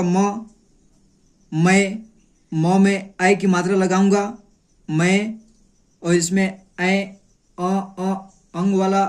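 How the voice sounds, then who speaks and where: This Hindi teacher's voice is fairly high and a little mellow as he works through the script step by step, splitting words into syllables and repeating each sound several times. Unhurried and patient, he pauses between short phrases.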